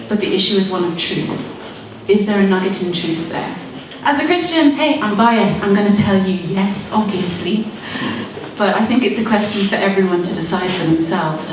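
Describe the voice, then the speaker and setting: Distant and noisy, this recording from a very echoey hall captures a woman with a mid-range voice standing away from the mic. She's in her thirties, Malawian and raised in Zimbabwe, giving an earnest, persuasive debate speech with wry asides.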